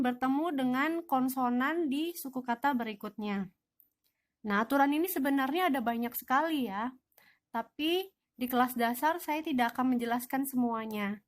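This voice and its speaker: Slow, patient woman teaching a language. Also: high voice. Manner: patient, asks and answers own questions. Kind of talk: online lesson explanation.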